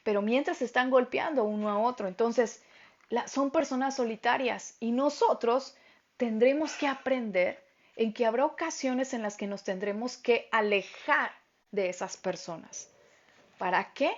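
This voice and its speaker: A middle-aged woman teaching a Bible lesson to a women's group, speaking loudly and emphatically. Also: fairly high pitch, measured pace, highs cut off. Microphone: phone.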